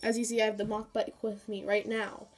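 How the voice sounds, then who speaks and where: A gaming YouTuber with a cold sniffles her way through a casual game walkthrough, rambling chattily with fillers and asides. Her mid-range, slightly mellow voice moves fairly quickly but with a completely flat delivery.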